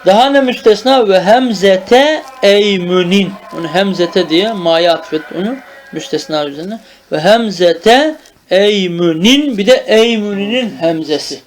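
High-voiced, slow-drilling grammar teacher. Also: male voice, lively intonation, slight background noise. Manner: drills terms slowly, asks checking questions. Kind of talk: traditional madrasa-style grammar lesson.

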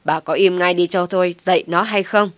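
A woman voicing a furious elderly father who shouts harsh insults at his son in a storybook reading. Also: lowish voice, steady tone, fairly quick, no echo, natural voice. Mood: angry scolding.

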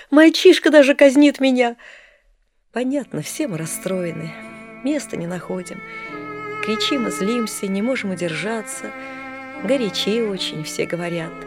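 A woman reading a literary audiobook in a calm, measured storytelling manner. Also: fairly high pitch, no echo, studio quality. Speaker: audiobook reader.

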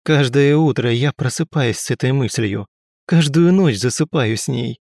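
A man's voice: medium pitch, moderate pace, vocal fry, darkish tone, dry recording, clean studio sound, natural voice. A man voicing an anxious young grand duke who speaks in an earnest, pleading way.

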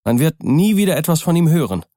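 A man's voice: measured pace, darkish tone, no room sound, clean studio sound, lightly acted. A man reading an audiobook, voicing a frightened, nervous middle-aged doctor in an agitated, pleading tone. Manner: agitated, pleading, higher-pitched.

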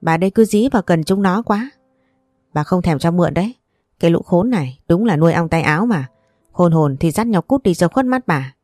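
A woman's voice: expressive, brisk, a little mellow, no room sound, studio quality, soft background music, close to an everyday voice. Woman reading as a cursing old grandmother. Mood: outraged. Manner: cursing, shrill scolding. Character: furious, foul-mouthed old grandmother.

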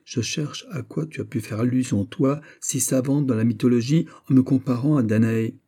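A man's voice: mid-range voice, normal speed, mellow, pitched above the performer's own voice, close to an everyday voice. A man reading an audiobook voices a proud young widowed marquise who defends herself with indignation. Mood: stiff.

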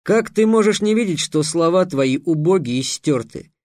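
A man's voice: fairly high pitch, animated, moderate pace, darkish tone, no room sound, clean studio sound, natural voice. A man voicing a young, sarcastic mage who lectures his enemy in a scornful tone. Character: young sarcastic male mage, bold and mocking.

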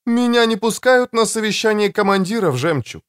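A man's voice: lively intonation, normal speed, fairly bright tone, smooth. A man voicing a curt, proud woman captain. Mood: curt, demanding. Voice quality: raised pitch, clipped and insistent. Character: blunt, proud female army captain. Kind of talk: audiobook character voice.

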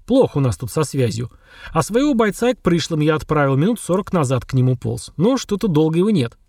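A man's voice: on the high side, big pitch swings, brisk, darkish tone, no echo, studio quality. A man reading the part of a blunt, fearless veteran army sergeant in an audiobook, with a confident, plain-spoken manner. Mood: reporting.

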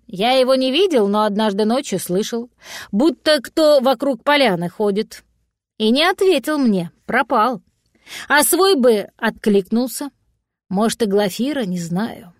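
A hearty, folksy spirit-voice calling from the woods, as a woman reader puts him on, his voice pitched a little high and brisk. He banters and teases in a down-to-earth, friendly manner, like a storybook neighbor. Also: dry recording, studio quality. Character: unseen male forest voice, folksy and hearty.

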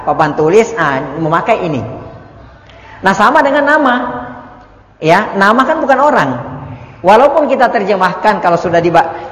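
High-voiced male teacher in an echoey hall. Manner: patient, chatty, laughs often, acts out little dialogues. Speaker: Arabic teacher. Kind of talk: religious study lesson. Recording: echoey room recording.

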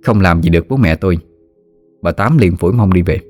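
A man narrating a ghost story in an expressive storytelling manner. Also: sits low, fairly quick. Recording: faint background music.

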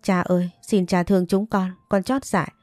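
A woman's voice: lowish voice, steady tone, normal speed, a little mellow, dry recording, clean studio sound, faint music behind, close to an everyday voice. A woman voicing a young mandarin's daughter who pleads through tears while scheming. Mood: pleading tearful. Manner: pleading, tearful.

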